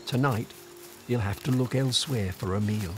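Man narrating a nature documentary over music. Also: on the low side. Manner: measured storytelling, scripted. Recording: music under the voice. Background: background music.

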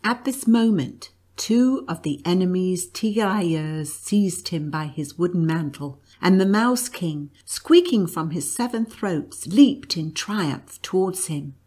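A woman's voice: fairly low pitch, expressive, takes it slowly, hardly any pauses, darkish tone, breathy edge. A woman reading a classic storybook aloud, giving the quoted lines more expression. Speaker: storybook reader. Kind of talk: read-aloud storybook narration.

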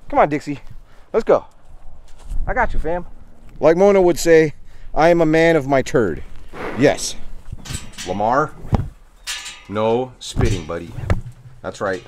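A man's voice: fairly high pitch, a bit bright, slight background noise. A man in his thirties from the United States, chatting casually in a vlog while tending animals in a farm paddock, filmed on a handheld camera at arm's length. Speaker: vlogger.

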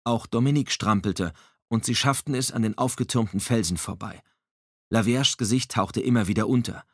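A man reading an audiobook in a measured, dramatic storytelling manner on a close microphone. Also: medium pitch, slightly rough, dry recording. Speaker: audiobook narrator. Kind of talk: scripted audiobook narration.

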